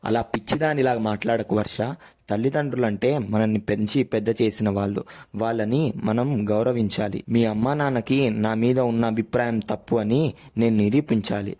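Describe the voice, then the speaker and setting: Man playing a principled young man, calm, reasoning, mellow tone. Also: medium pitch, brisk, lightly acted. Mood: steady.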